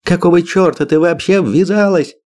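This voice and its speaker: A man's voice: sits high, normal speed, a little mellow, voice pushed up, natural voice. A man doing a stern, loving father. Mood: arguing. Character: stern middle-aged father, gruff but loving.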